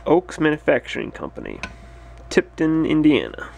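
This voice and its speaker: In this casual unboxing vlog, a resale store owner thinks aloud while sorting through totes in a cluttered stock room. His voice is on the high side, gravelly and darkish, with huge pitch swings at normal speed, recorded on a handheld or head-mounted camera.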